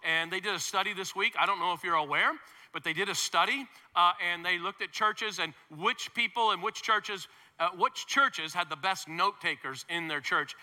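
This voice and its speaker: Bright, high-voiced preaching man. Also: normal speed. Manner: emphatic, conversational preaching with playful asides. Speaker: pastor. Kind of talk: sermon. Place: large church hall. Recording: long hall reverb.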